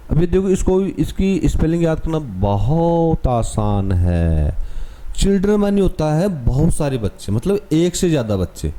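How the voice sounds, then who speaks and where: Slow, dark-voiced Indian male teacher. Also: fairly high pitch, very animated. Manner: patient, repeats words and spells them out letter by letter. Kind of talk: explaining an English lesson to young pupils.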